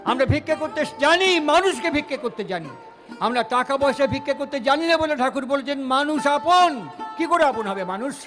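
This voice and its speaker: A man's voice: very high-pitched, expressive, brisk, a bit bright, faint music behind. A man with a Bengali accent delivering an impassioned devotional sermon, with rhetorical questions and chanted scripture. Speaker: preacher.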